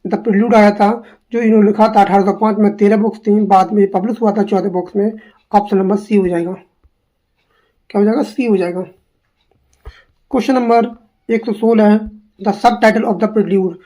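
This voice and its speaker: A woman teaching an exam-prep English lesson, echoing her own answers back as questions and reading quoted lines slowly. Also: mid-range voice, steady tone, mellow. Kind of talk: quiz answer walkthrough lesson.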